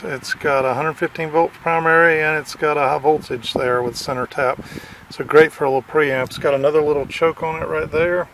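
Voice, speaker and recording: A man vlogging on a camera mic as he walks an outdoor fairground flea market, halting and full of fillers, keen about his finds. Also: on the high side, creaky, noisy background. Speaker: vlogger at a hamfest. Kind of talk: casual walkaround vlog.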